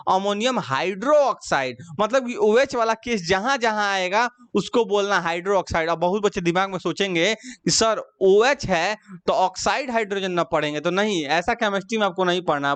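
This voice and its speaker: High-voiced, crisp male chemistry teacher. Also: fairly bright tone, dry recording. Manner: explains step by step, checks understanding often. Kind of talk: classroom lecture.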